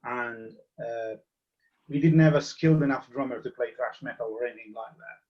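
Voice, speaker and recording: A man's voice: medium pitch, normal speed. Male band member; easygoing, joking teller of long anecdotes; lo-fi podcast recording. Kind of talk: casual interview chat. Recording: slightly muffled lo-fi sound.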